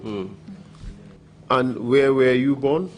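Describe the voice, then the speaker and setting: A man questioning a witness at a formal hearing, speaking in a slow, measured, procedural way. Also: mid-range voice, faint music behind.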